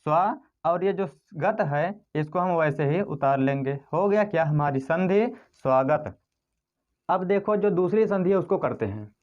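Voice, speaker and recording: A man's voice: a little high, expressive, unhurried, muffled recording. A male teacher giving a step-by-step grammar lesson, asking his students questions and then answering them himself. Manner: repetitive, step-by-step explaining. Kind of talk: classroom-style grammar lesson.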